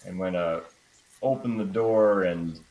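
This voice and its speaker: A man's voice: low voice, measured pace, darkish tone, dull audio. A man playing a tabletop game, talking casually and asking the game master many questions. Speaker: player.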